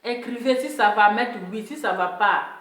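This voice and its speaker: A woman's voice: fairly high pitch, moderate pace, a bit bright. A woman hosting a casual live stream, teasing and laughing as she talks straight to her viewers and repeats herself. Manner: repetitive, teasing, often laughing, addresses viewers directly. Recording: echoey room, voice from far off the mic.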